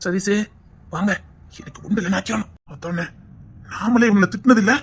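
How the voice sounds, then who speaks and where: A woman's voice: medium pitch, brisk, husky. A woman playing a blunt, indignant family elder with a Tirunelveli Tamil accent.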